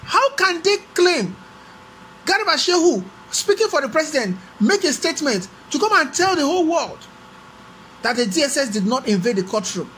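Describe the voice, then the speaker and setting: Woman news presenter from Nigeria, lively pitch, faint hiss; reads stories, then rants. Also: moderate pace, poor audio. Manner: indignant, rising rhetorical questions in commentary. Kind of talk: news reading then opinion commentary.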